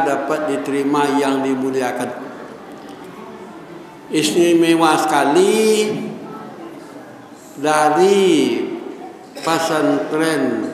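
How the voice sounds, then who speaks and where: A man's voice: on the high side, a little hiss or hum. An older man giving a Ramadan sermon in a mosque, chanting Arabic verses and joking with the congregation. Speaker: preacher. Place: large mosque hall. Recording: echoey mosque hall, faint ambience.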